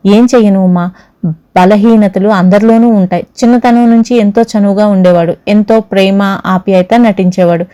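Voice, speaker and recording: A woman's voice: medium pitch, fairly even intonation, normal speed, mellow, close to an everyday voice. A woman playing a heartbroken young woman. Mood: hurt.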